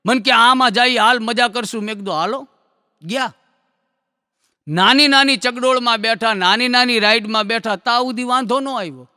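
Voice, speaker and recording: A man telling jokes on stage, in folksy storytelling that acts out characters in quick dialogue. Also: very high voice, bright, forceful tone, clean tone, dry recording, clean studio sound, in a large hall. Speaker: stand-up comedian.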